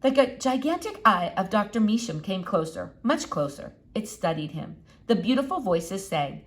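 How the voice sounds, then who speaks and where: A woman reads a children's book aloud as an audiobook narrator, using an expressive storytelling style. Her voice is mid-range and her pace moderate.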